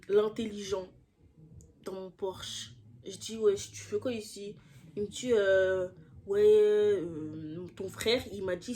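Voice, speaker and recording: A young woman telling a personal story in a casual, slangy way, getting heated and throwing in quick asides. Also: medium pitch, darkish tone.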